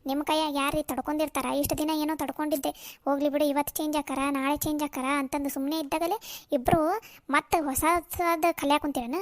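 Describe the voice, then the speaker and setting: A woman's voice: sits high, flat delivery, fairly quick, no room sound, studio quality, natural voice. A woman voicing a defiant young daughter-in-law in a cartoon, arguing back in a North Karnataka Kannada accent. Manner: indignant, argumentative. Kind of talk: cartoon voice acting.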